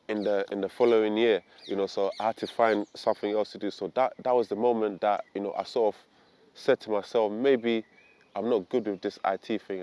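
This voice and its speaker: A man's voice: lowish voice, a little mellow. A young man from Ghana telling his own story in an earnest, reflective way, with frequent "you know" fillers. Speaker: vlogger. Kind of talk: personal storytelling to camera.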